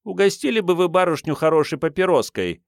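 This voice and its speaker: A man's voice: high voice, big pitch swings, brisk, creaky, no echo, clean studio sound, voice pushed up, exaggerated voice. A man voicing a cheeky, scruffy homeless teenage girl who talks brashly in street slang, in an audiobook. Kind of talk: audiobook reading.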